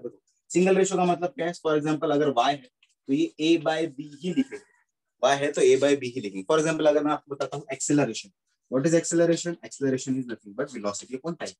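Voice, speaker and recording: A man with a fairly high voice teaches a physics class, talking as he writes on the board. He says things twice, mixes Hindi with English terms, and keeps asking whether the students understand. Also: darkish tone, rough recording. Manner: repeats points, checks understanding often.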